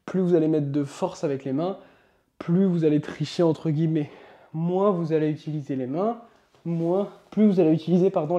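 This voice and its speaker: Man, yoga teacher, upbeat and coaching, mellow tone, slightly high voice. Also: dull audio. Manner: upbeat, coaching, counts slowly while demonstrating. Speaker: yoga instructor. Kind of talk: instructional demonstration.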